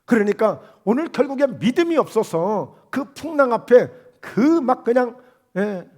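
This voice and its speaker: Man, pastor, very high voice, sermon, emphatic, rhetorical questions. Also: sing-song, a little slow, a little mellow. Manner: emphatic preaching, rhetorical questions and scolding asides.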